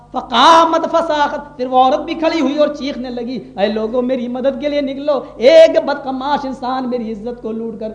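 A male preacher delivering an impassioned sermon, switching between quiet asides and loud, drawn-out recitations. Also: very high voice, highs cut off. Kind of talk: Urdu sermon. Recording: echoey room.

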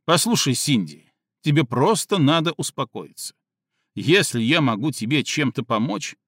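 A man's voice: on the high side, big pitch swings, moderate pace, fairly bright tone, dry recording, studio quality, heavily acted. A man doing a sarcastic, irritable man. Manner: slightly hoarse, sarcastic, barking.

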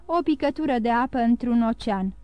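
A woman's voice: on the high side, expressive, smooth, dry recording, muffled recording, lightly acted. A woman voicing a greedy, hesitant middle-aged male innkeeper in an audiobook. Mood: scheming.

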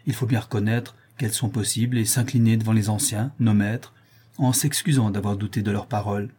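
A man reading aloud, voicing a skeptical, learned English lord who lectures in a measured way. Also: fairly low pitch, steady tone, mellow, breathy edge. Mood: lecturing.

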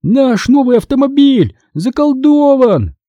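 A man reading a storybook, voicing a frantic twelve-year-old boy who shouts insistently. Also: very high-pitched, huge pitch swings, slow, breathy edge, no room sound, lo-fi sound, pitched above the performer's own voice, exaggerated voice. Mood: shouting.

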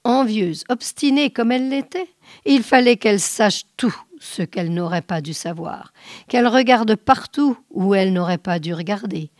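A woman's voice: mid-range voice, lively intonation, moderate pace, darkish tone, no room sound, clean studio sound, natural voice. A woman reading aloud, voicing a tormented man who bitterly curses his wife. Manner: bitter, agitated. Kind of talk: audiobook reading.

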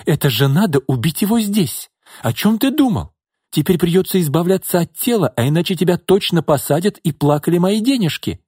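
A man's voice: lively intonation, brisk, a little mellow, slightly rough, no echo, studio quality. A man reading an audiobook, voicing a furious, scheming young woman who screams and mocks. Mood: contemptuous. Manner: shrill, screaming, mocking.

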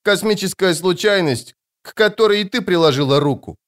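A man voicing a precocious, eerie small girl who speaks calmly and with scorn. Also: sits high, fairly quick, voice pushed up. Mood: scornful. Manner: calm, scornful, matter-of-fact.

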